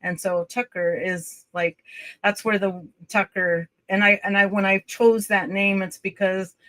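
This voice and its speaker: A woman guest telling a personal story in a livestream interview, earnest and halting, often restarting her sentences. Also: medium pitch, little pitch movement, fairly bright tone.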